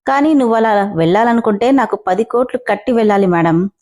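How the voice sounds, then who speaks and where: A man's voice: high voice, a little fast, a little mellow, natural voice. A woman voicing a brash, arrogant young male company boss who talks in a commanding, taunting way, in a storybook reading.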